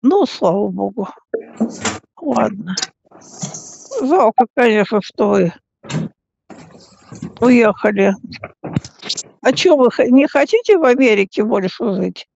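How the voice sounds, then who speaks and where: Frail, creaky great-grandmother on the phone. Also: on the high side, expressive, a little mellow, slight background noise. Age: 80s. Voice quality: frail, elderly voice. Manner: halting, repeats words and stammers. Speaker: great-grandmother talking with younger relative. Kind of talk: casual phone chat. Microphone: phone call. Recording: dull, muffled phone call recording.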